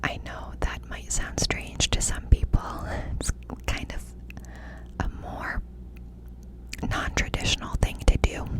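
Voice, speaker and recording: A woman whispering breathily and close to the mic in an intimate, confiding ASMR chat, often repeating phrases. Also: poor audio. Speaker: ASMR creator. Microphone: close mic with cupped whispering.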